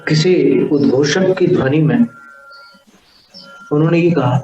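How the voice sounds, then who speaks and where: A man teaching Sanskrit pronunciation in a lecture, sounding out syllables slowly and deliberately. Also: a little high, dark tone, soft background music. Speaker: religious teacher. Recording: echoey, distant, dull lo-fi sound.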